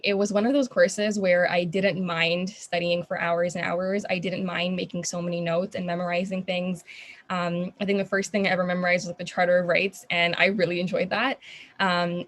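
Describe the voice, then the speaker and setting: Chatty young woman from Qatar. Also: on the low side. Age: young adult. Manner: earnest, chatty, frequent ums. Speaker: guest, student founder of an organization. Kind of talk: interview.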